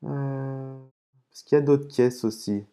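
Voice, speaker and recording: Mellow-voiced man explaining his case openings. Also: mid-range voice, fairly even intonation, slow, clear, resonant tone. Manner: explains terms patiently, curses softly at his own slips and apologizes; hesitant, with frequent "euh" and restarts. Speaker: gaming video host. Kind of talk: casual commentary while opening game cases.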